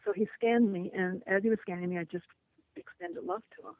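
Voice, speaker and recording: A woman's voice: mid-range voice, steady tone, a little fast, dry recording. A woman guest telling a personal story in an earnest, rambling way, with many restarts. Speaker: interview guest. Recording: tinny phone line, dry.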